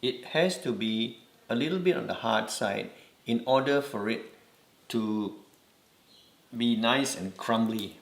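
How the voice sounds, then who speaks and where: Slow Singaporean man in an echoey kitchen. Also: mid-range voice, expressive, vocal fry. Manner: slow, patient instructions with repeated reminders. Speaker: home cooking host. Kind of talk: step-by-step cooking demonstration.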